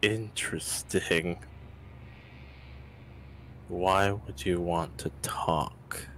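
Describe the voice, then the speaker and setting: A man voicing a huge, weary, scornful dragon in a tabletop game, speaking in a deep rumble with slow, grand disdain. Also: fairly even intonation, fairly bright tone, full character voice. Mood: scornful, wary.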